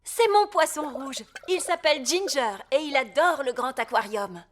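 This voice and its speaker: Casting: chirpy cartoon rabbit shopkeeper, friendly, extremely high and lively. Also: female voice, normal speed, slight background noise. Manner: bright sales patter, chirpy. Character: bubbly, friendly adult female rabbit shopkeeper. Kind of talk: animated children's cartoon dub in French.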